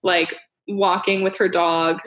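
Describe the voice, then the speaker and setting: A woman's voice: fairly low pitch, flat delivery, takes it slowly, fairly bright tone. A young woman hosting a casual podcast chat, rambling with lots of fillers and frequent laughs. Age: young adult. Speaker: podcast host.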